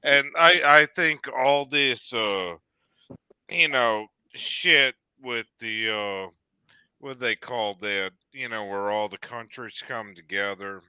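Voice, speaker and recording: A man's voice: medium pitch, takes it slowly, bright, forceful tone, clean tone. A man from the United States moderating a casual political discussion, rambling hesitantly as he searches for words.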